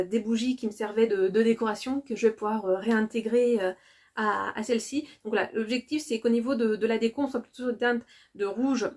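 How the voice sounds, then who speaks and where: A woman's voice: fairly high pitch, darkish tone. A woman from France chatting casually to camera about her haul, often hesitating with fillers and repeating words. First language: French. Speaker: vlogger presenting a shopping haul.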